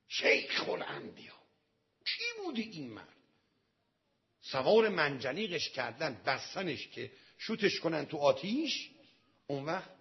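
A man preaching to an audience of men, telling a sacred story dramatically and swinging from hushed asides to loud outbursts. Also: fairly high pitch, lo-fi sound. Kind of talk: storytelling sermon to a male audience.

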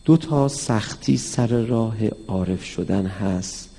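A man giving a religious lecture on mysticism to an audience, speaking in a lively way and acting out the dialogue he quotes. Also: lowish voice, husky. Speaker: cleric teaching mysticism. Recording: long hall reverb.

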